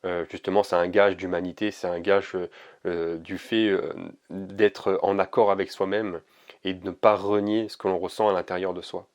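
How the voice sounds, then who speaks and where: A man giving a casual oracle card reading to camera, hesitant and gentle, with many fillers and restarts. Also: sits low, level tone, moderate pace.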